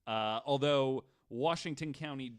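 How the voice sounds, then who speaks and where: Here a podcast host with a medium-pitched, clean voice reads stories off his notes at a measured pace. He keeps it casual, trading jokes and banter as he goes.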